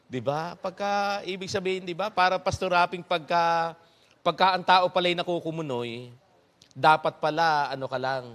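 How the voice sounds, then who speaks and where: A male pastor delivers an easygoing sermon, his voice sitting slightly high. He chuckles often and keeps throwing rhetorical questions to the congregation. His delivery stays animated and talky. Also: normal speed. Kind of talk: conversational sermon.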